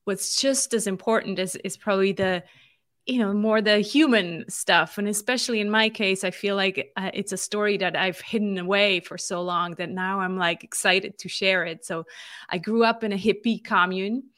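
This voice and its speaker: A woman's voice: mid-range voice, steady tone, normal speed, a bit bright, dry recording, studio quality. A woman in her forties from Switzerland, a marketing consultant telling her story as an interview guest, thoughtful and full of small restarts. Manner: reflective, many fillers and restarts. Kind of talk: conversational interview.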